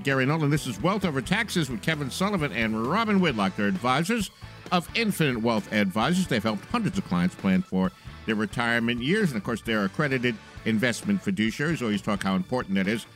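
Lively jokey radio host man. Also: medium pitch, brisk, faint music behind. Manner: upbeat, animated, jokey. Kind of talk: radio talk show hosting.

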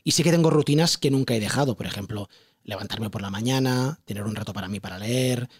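A man with a Spain Spanish accent, talking as an author being interviewed, chatty and animated, often asking rhetorical questions. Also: mid-range voice, quick pace, slightly rough, no room sound, clean studio sound. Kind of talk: casual explanatory interview talk.

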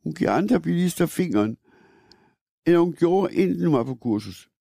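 A man reads a first-person literary piece in a measured, wry voice with a gravelly edge. His tone is dark and mellow, though his pitch sits a little high for a man. The recording is dry and close. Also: animated, no room sound.

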